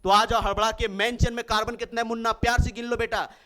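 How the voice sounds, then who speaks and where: A male chemistry teacher, lecturing in a high, smooth voice. He keeps it playful and affectionate, slowly counting carbons aloud and speaking the students' answers for them. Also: little pitch movement, sharp tone, faint music behind. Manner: playful, affectionate, calls students babu and munna; acts out students' replies in a sweet voice. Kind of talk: classroom lecture.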